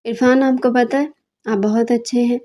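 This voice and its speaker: A woman's voice: a little high, fairly even intonation, mellow, close to an everyday voice. A woman reading the lines of a young wife who pouts, scolds and pleads, in her own voice. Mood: pleading. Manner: pouting, pleading. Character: sulky, pouting young wife.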